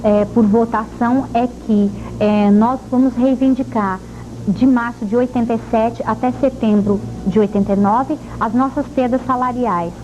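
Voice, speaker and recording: A woman's voice: a little high, fairly even intonation, a little slow, warm tone. A woman answering a TV news interview as an association president, firm and assertive, heard from an old VHS tape. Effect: old VHS tape recording. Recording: dull lo-fi old VHS tape with faint hiss.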